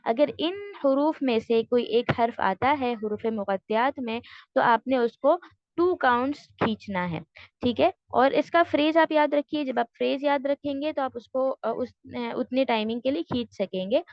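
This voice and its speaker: A woman with a high voice leads an online lesson, explaining each point patiently and step by step. Her speech is dry and close, with dull, muffled lo-fi audio. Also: moderate pace, no room sound. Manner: patient, explains step by step, mixes English terms. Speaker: Tajweed teacher. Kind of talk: online class lecture.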